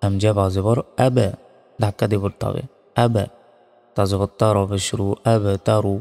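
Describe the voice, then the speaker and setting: A man's voice: on the low side, level tone, moderate pace, dark tone. A man teaching Quran recitation, patiently spelling out Arabic letters syllable by syllable. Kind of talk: instructional recitation lesson. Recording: long reverb with faint background music.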